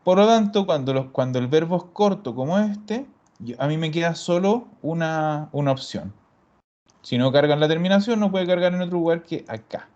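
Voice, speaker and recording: A man's voice: a little high, animated, normal speed, a little mellow. A man teaching a grammar class, explaining step by step and patiently repeating his students' answers. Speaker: Italian teacher. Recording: dull lo-fi recording.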